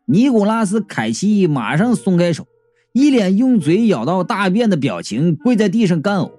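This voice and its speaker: A man's voice: high-pitched, normal speed, no room sound, soft background music. A man reading a comic first-person story aloud in a playful manner, acting out the dialogue. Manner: lively, playful, acts out dialogue. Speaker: audiobook narrator.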